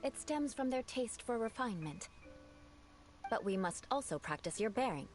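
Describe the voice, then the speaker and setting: A woman's voice: fairly high pitch, animated, normal speed, a little mellow, faint music behind, close to an everyday voice. A woman playing a proud young noblewoman knight in a video game, speaking in a formal, haughty, composed way with a world-weary edge.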